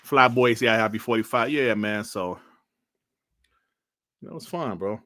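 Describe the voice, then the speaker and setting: A man in his forties chatting casually on a livestream, reading out chat messages and bantering with loud laughs and slang. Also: on the low side, a little slow, no room sound, clean studio sound. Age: 40s. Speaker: streamer reading live chat.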